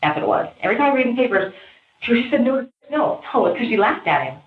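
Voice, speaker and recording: A woman being questioned by detectives, telling what she saw in animated, pressured speech. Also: a little high, rapid-fire. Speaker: witness in police interview. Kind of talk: recounting events to detectives. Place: police interview room. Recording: echoey interview room, phone-like audio.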